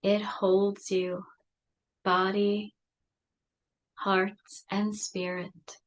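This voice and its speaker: A woman leading a guided meditation, speaking softly and soothingly with long pauses. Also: medium pitch, little pitch movement.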